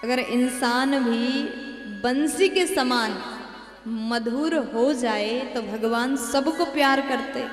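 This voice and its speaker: A woman preacher telling a devotional story and urging her audience, in a slow teaching manner. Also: a little high. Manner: slow, preachy, addresses the crowd directly. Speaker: katha preacher. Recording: echoey hall with faint music.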